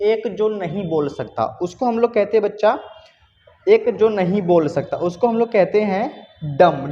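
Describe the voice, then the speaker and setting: A male teacher with an Indian accent, explaining exam grammar questions step by step and repeating questions back to his students. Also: sits high. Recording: dull lo-fi sound with faint noise.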